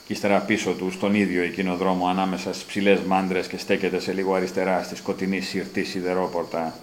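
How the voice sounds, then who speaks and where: A man's voice: low voice, flat delivery, a little hiss or hum. A man reading his own literary prose aloud, with dramatic rising emphasis on repeated phrases. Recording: roomy echo, faint ambience.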